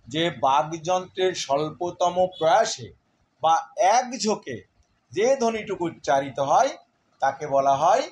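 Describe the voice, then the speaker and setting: A middle-aged man teaching a grammar lesson, who speaks slowly and deliberately, breaks words into syllables and pauses on fillers. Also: high voice, slight background noise.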